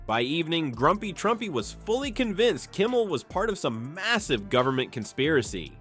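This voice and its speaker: A man's voice: a little high, very animated, normal speed, fairly bright tone, faint music behind. A man narrating a scripted political exposé video in a smug, sarcastic, mocking manner.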